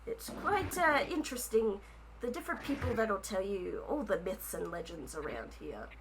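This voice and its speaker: A woman's voice: medium pitch, animated, normal speed, background noise, close to an everyday voice. A woman voicing a flustered male rabbit-folk author who stammers and chatters eagerly. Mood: chatty.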